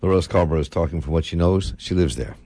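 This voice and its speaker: A man with a smooth radio-host voice, hosting a call-in radio talk show from the studio and taking callers. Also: low voice, quick pace, dark tone. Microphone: studio microphone.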